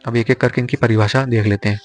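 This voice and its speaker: A young man teaches exam mnemonics, drilling syllables slowly and over again. His voice stays flat and even, at a middle pitch. Faint music sits behind him. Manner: slow repetitive drilling of syllables. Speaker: exam tutor. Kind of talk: explaining Hindi poetics mnemonics.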